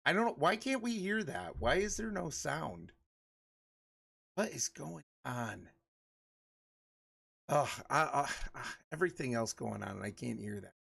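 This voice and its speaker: A man's voice: medium pitch, very animated, a little slow, creaky, long pauses, a bit bright, breathy edge. A man in his forties chatting casually with his livestream viewers, rambling and laughing often. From Michigan. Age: 40s. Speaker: livestream host.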